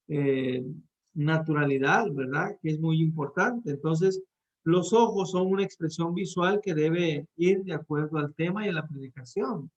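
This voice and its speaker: A man teaching a class on how to preach, talking directly to his listeners and often restarting his phrases. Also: on the high side. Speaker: preaching instructor. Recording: dull lo-fi sound.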